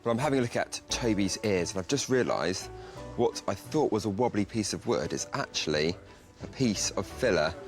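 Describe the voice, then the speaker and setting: A man's voice: lowish voice, lively intonation, normal speed, faint music behind. A man restorer chattily explaining a wood repair, laughing at himself as he works. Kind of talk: explaining his work.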